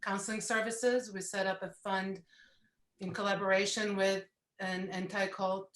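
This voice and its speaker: A woman documentary producer speaking frankly and in a measured way in an interview. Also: medium pitch, little pitch movement. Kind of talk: remote interview answers. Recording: echoey room.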